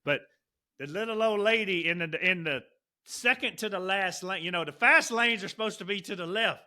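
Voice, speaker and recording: Bright rambling man telling stories. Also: high voice, normal speed. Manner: rambling storyteller, Southern turns of phrase. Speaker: podcast co-host. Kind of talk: casual chat.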